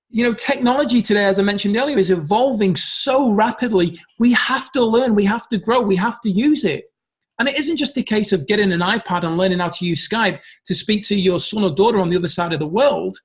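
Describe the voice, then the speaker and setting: A middle-aged man giving an earnest motivational talk to camera as a business coach, repeating phrases and restarting sentences. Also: high voice.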